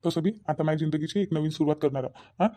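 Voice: mid-range voice, very fast, mellow, lightly acted. A voice actor playing a curt, scornful young man in a cartoon, with a Vidarbha Marathi accent. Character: cold, dismissive young man. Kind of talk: cartoon voice acting.

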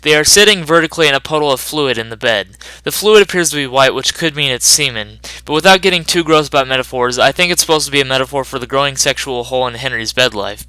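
Man, film analysis voice-over, bright forceful tone, dry close recording. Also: medium pitch, clean tone, dry recording, poor audio. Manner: measured, explanatory, analytical. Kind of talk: scripted voice-over narration.

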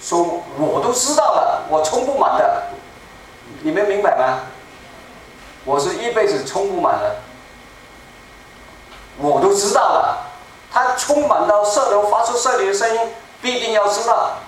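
In a small church, a man in his seventies preaches with lively intonation, unhurried and emphatic, driving home points by repeating them. His voice sits slightly high for a man, and the far-off camera mic captures strong echo and a faint background hiss.

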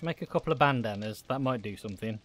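A man's voice: medium pitch, quick pace, a bit bright, slight background noise. A man hosting a casual let's-play, chatting and laughing often as he plays. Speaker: gaming channel host.

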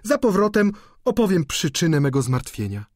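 A man voicing a distraught young baroness, high and pleading. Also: very animated, normal speed, darkish tone, no room sound, studio quality. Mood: imploring. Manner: pleading, urgent, tremulous. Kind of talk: audiobook character reading.

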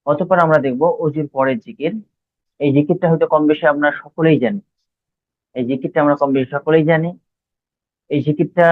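A man's voice: medium pitch, no room sound. Man teaching prayers over tinny audio. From Bangladesh. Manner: slow, drawn-out recitation of Arabic words between explanations. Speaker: religious teacher. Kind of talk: recorded Arabic pronunciation lesson. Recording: dry, phone-like lo-fi audio.

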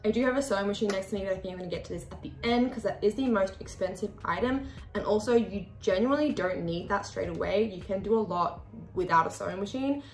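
Fast and mid-range, this woman's voice reverberates around a small room with a sewing machine on the desk. She's in her 20s, from Australia, and chats to camera as she casually runs a sewing tutorial, gesturing a lot with her hands.

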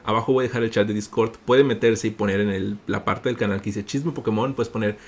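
A male gaming YouTuber with a Mexican Spanish accent hosts a gaming vlog, narrating playfully with big jumps in his voice and calling viewers "little ones." His lowish voice is fast with a steady tone.

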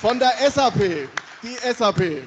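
A man's voice: extremely high pitch, normal speed, dull audio, a crowd in the background, noisy background. A man hosting a conference opening, speaking into a handheld microphone in a large hall and calling out supporters to the audience. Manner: animated, calling out names to the audience. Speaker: conference host.

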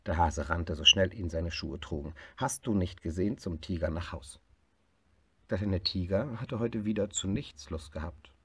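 Low, bright-toned male storyteller. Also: breathy edge, dry recording. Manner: lively, expressive reading, swelling louder in happy parts. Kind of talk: reading a picture book aloud.

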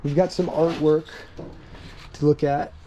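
A young man who is losing his voice, talking excitedly as he goes through a storage unit he bought to resell. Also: fairly high pitch, dull audio, slight background noise. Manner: excitable, quick exclamations. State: losing his voice, squeaky in spots. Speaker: online reseller, channel host. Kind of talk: casual vlog narration.

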